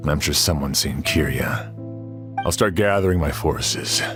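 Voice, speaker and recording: A man's voice: rumbling low, unhurried. A man voicing a middle-aged port sheriff in a video game, firm and decisive. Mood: concerned. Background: game music.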